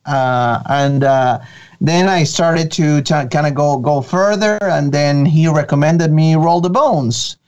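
A man's voice: fairly high pitch, slow, darkish tone, muffled recording. A man, talking eagerly as an interview guest, with many fillers and restarts. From Venezuela. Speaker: guest, creative director of an animation studio. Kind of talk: casual interview.

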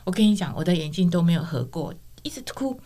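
A woman's voice: on the low side, quick pace. A middle-aged woman, telling her personal testimony as a guest and acting out the dialogue she quotes. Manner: expressive storyteller, acts out quoted dialogue.

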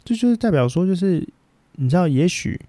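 A man's voice: high-pitched, big pitch swings, fairly quick, mellow, dry recording. A man with a Taiwanese Mandarin accent talking as a podcast host, rambling bluntly through a casual opinion chat and swearing freely.

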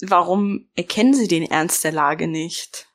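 A woman's voice: lowish voice, a little slow. A woman playing a tabletop game, blunt and full of questions. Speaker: player. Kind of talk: casual tabletop play.

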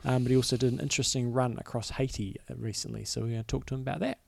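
A man's voice: medium pitch, steady tone, rapid-fire, gravelly, darkish tone, slight background noise. A man with a New Zealand accent co-hosting a podcast, giving sports news in a casual, matter-of-fact way. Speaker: podcast co-host.

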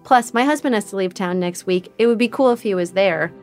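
A woman's voice: medium pitch, brisk, faint music behind. Woman candidly retelling a hard birth. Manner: candid, animated retelling with quoted voices. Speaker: podcast guest. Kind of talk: personal storytelling.

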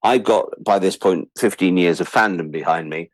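Low-voiced and speaking at a normal speed with no echo, a British man in his 60s tells stories as an interview guest. The writer-producer is chatty and self-deprecating, animatedly acting out pieces of dialogue.

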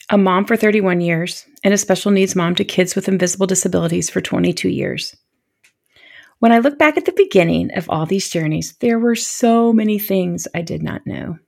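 Gravelly-voiced woman in her fifties hosting. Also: mid-range voice. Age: 50s. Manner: gentle, encouraging, confiding. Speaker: podcast host. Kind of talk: warm solo podcast talk.

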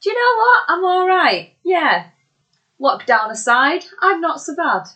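A woman's voice: very high voice, big pitch swings, a little slow, pushed and bright. A woman in her thirties with a Bolton accent, a podcast guest talking in a chatty, self-deprecating way. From Bolton, England. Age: 30s. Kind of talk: casual interview chat.

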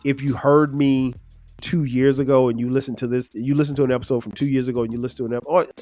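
A man in his fifties hosts a casual solo podcast, reflecting in a relaxed, rambling way with frequent fillers and restarts. He speaks fast at an ordinary middle pitch, his voice a bit nasal and stuffed-up, over quiet music.

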